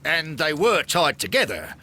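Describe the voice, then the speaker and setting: A blustering male police inspector in a Victorian detective game. His English-accented voice is forceful and swoops emphatically, easily flustered, with faint noise behind. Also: on the high side, wildly swooping pitch, measured pace, full character voice. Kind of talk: video game cutscene acting.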